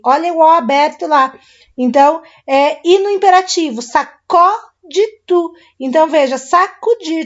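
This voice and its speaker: A woman's voice: sits high, dull audio. A woman teacher with a Brazilian Portuguese accent giving a recorded online grammar lesson, explaining step by step and checking in with her students.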